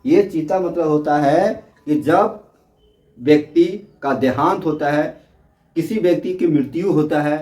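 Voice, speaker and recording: A man's voice: fairly high pitch, a little mellow, reverberant, recorded from a distance. Repetitive man teaching from across a room. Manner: explains by repeating words and asking rhetorical questions. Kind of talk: classroom-style lesson.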